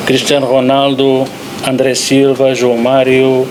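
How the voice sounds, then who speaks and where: A non-native speaker, a man with a foreign Iberian accent, giving a halting, semi-formal speech as a president at a press conference. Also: medium pitch, monotone, noisy background. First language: not French.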